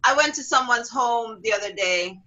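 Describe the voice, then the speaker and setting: A woman's voice: moderate pace, highs cut off. A middle-aged woman hosting a casual talk show, telling stories animatedly and acting out quotes with big jumps in her voice. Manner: animated storyteller, acts out quotes with big pitch jumps, laughs often. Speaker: host.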